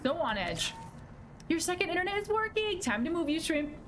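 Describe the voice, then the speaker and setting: A woman game streamer giving casual commentary, chatty, jittery and expressive. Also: very high voice, brisk. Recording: clear background game noise. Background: video game action.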